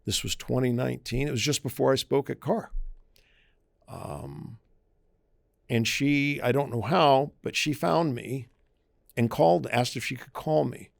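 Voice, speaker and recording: A man's voice: mid-range voice, unhurried, vocal fry, pauses often, dry recording, clean studio sound. A man, a private investigator, talking through safety tips in a conversational podcast interview, often acting out quoted voices. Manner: conversational, acts out quoted voices, emphatic warnings.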